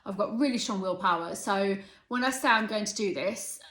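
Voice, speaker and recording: Bright-voiced woman in her thirties vlogging. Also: medium pitch, moderate pace. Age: 30s. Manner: chatty and rambling, self-aware, determined. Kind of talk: casual vlog chat. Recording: echoey room.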